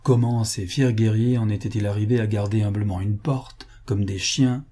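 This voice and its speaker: A man narrating an adventure novel aloud in a steady, measured storytelling manner. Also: fairly low pitch. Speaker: reader. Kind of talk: audiobook narration.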